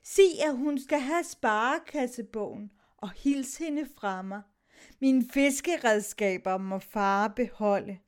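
A woman reading a dramatic story of shipwrecked sailors aloud, shifting her tone between the sailors' lines. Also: a little high.

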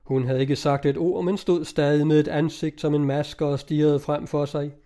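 A man reading an old-fashioned novel aloud in an even, storytelling manner. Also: fairly high pitch. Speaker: audiobook reader.

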